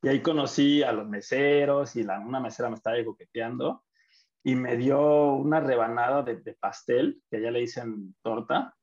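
A young man with a Mexican accent tells stories in a casual podcast chat. His voice sits mid-pitch with a husky grain. The recording sounds a bit dull and lo-fi. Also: normal speed. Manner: storytelling, animated in anecdotes, many restarts. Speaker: podcast guest.

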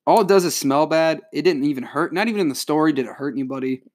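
Man, casual podcast host, reads legends aloud, jokey, animated storytelling. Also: fairly high pitch, fast talker.

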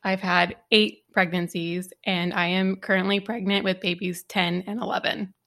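A woman co-hosting a casual podcast, relaxed and laughing through her stories. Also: fairly low pitch, moderate pace, gravelly. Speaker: podcast co-host.

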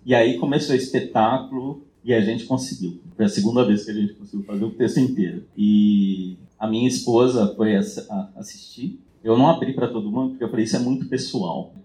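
A man with a lowish, dark-toned voice shares a personal story in a group meeting, sounding reflective and casual. He uses frequent filler tags and often restarts his sentences, and the recording has a roomy echo.

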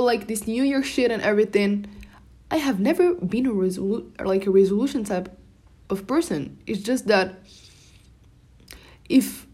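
This young adult podcast host from Morocco, a native speaker of Moroccan Arabic (Darija), talks alone in a loose, meandering way and keeps interrupting herself. She has a medium-pitched, somewhat dark voice.

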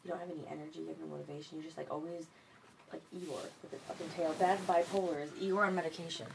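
A young woman from Michigan, vlogging late at night, races along in a low voice with fairly even intonation and vocal fry. Background noise and music sit behind her rambling, swear-laden, filler-packed chat.

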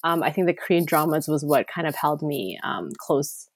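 A woman's voice: low-pitched, lively intonation, moderate pace, no room sound, clean studio sound. A woman, a podcast guest chatting casually, with many fillers and restarts. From Canada. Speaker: guest, K-drama writer.

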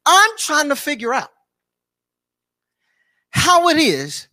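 A man's voice: extremely high pitch, huge pitch swings, slow, sharp tone, dry recording. A man preaching a sermon in church, repeating his lines in a rhythmic build and sometimes breaking into a sung chant. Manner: repetitive, rhythmic preaching with call-outs to the congregation.

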